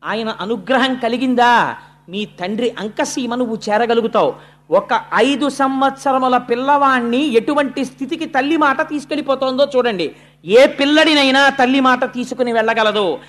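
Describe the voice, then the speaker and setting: A man's voice: very high-pitched, normal speed, a bit bright. A man giving a devotional sermon, telling a sacred story dramatically and acting out the characters' speech. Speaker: religious discourse speaker.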